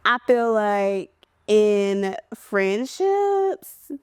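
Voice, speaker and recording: Lively-pitched woman podcast co-host. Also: drawn-out words, clear, resonant tone, clean studio sound. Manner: agreeing, echoing her co-host, playful. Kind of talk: casual chat.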